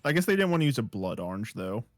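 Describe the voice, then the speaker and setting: A man's voice: lowish voice, sing-song, fast, no echo, soft background music. Easygoing man on a dry voice call. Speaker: podcast co-host. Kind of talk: casual podcast chat. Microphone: computer mic on a voice call.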